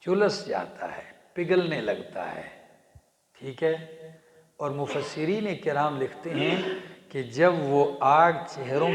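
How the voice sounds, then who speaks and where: A man's voice: fairly high pitch, roomy sound, long reverb tail. A man from Pakistan preaching a Quran commentary sermon, chanting verses and then explaining them with frequent "right?" checks to his listeners.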